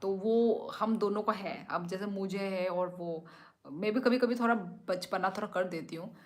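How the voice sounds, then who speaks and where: A woman's voice: medium pitch, moderate pace, slight background noise. A young woman hosting a live stream, chatting casually and teasingly with viewers as she reads their comments, laughing often. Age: young adult.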